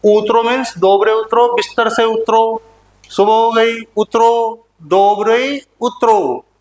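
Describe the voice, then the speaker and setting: A man teaching a playful lesson to students, repeating words slowly and joking with them. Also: very high voice. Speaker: language teacher. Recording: echoey room.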